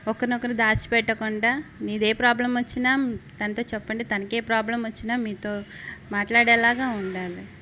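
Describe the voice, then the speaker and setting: A woman's voice: a little high, steady tone, moderate pace, bright, forceful tone, slight background noise. A woman in her thirties from Kerala, a native Malayalam speaker, talking earnestly and a little hesitantly in an interview. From Kerala, India.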